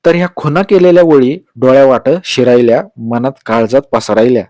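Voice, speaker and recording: A man telling a story aloud, with measured, expressive narration in a rural dialect. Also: medium pitch, no echo, clean studio sound.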